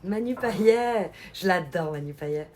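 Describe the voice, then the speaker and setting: A woman's voice: fairly low pitch, animated, takes it slowly, a little mellow, slight background noise. A woman streamer chatting casually on a live stream, answering her chat and laughing often.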